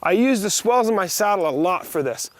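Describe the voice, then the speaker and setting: A man teaching a riding lesson, giving brisk, projected commands in short directives along with plain, practical explanation. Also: high voice, expressive. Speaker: horse riding instructor. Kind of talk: hands-on riding lesson, instructing a student.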